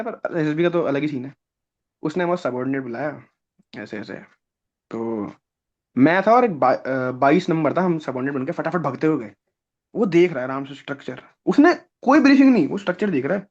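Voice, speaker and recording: Young man, high voice, animated storyteller, acts out voices, slightly dull lo-fi sound. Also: brisk. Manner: lively, acts out other people's lines, laughs often. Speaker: guest, defence-services aspirant.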